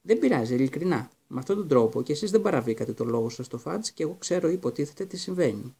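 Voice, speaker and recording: A man voicing a stubborn, candid teenage wizard boy who talks quickly and defensively. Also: on the high side, expressive, gravelly, mellow, slightly rough, heavily acted. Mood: earnest.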